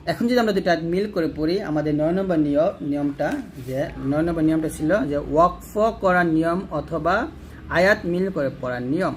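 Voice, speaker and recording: A man teaching Quran recitation rules, alternating slow, drawn-out chanted verses with brisk explanations. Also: fairly high pitch, a little hiss or hum. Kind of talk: tajweed lesson.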